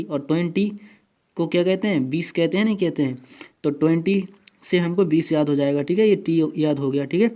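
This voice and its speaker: A man's voice: on the high side, darkish tone. A man teaching a coaching-class lesson at a board, walking through memory tricks step by step and often asking "theek hai" to check along. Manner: repeats "dosto" and "theek hai" often, spells out words slowly. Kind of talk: whiteboard tutorial lesson.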